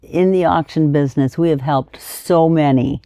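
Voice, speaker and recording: A woman's voice: low voice, moderate pace, warm tone, no echo. A woman in her sixties, plain-spoken and folksy, chatting casually as an interview guest. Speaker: auctioneer being interviewed.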